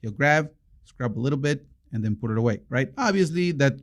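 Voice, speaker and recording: A man's voice: medium pitch, fairly quick. Joking man with an accent, co-hosting. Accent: non-native English accent. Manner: joking, animated, restarts often. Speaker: podcast co-host; parent. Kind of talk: casual chat.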